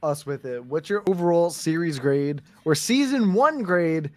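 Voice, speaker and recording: A man's voice: fairly high pitch, animated, a little slow, a little mellow, dry recording. Playful profane man, dry close sound. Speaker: podcast host. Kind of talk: casual chat.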